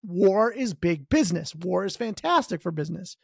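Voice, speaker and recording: Gravelly, sarcastic male ranter. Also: high-pitched, lively intonation, moderate pace, no room sound, studio quality. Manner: sarcastic, mocking, swings between loud outbursts and mutters. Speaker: podcast host. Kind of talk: political comedy rant.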